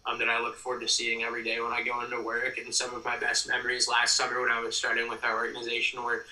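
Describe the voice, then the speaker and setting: A young adult man from Ohio, a PA announcer and ticket sales executive, talks casually and earnestly as a podcast interview guest. His medium-pitched voice is fast, bright, and forceful, with a completely flat delivery. He's on an audio call from a room at home, and the mic sounds roomy and slightly distant.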